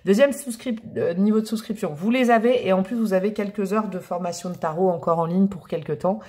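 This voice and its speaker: A woman's voice: medium pitch, fairly quick, dark tone. A woman giving a casual tarot card reading to her viewers, chatty and affectionate, calling them pet names and gushing over the cards. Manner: enthusiastic, often exclaims over the cards. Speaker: tarot reader.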